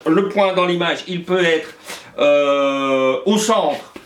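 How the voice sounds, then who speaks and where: A man's voice: on the high side, takes it slowly, fairly bright tone, echoey room. A male teacher explaining a lesson in a playful way, with frequent hesitations. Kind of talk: classroom lesson.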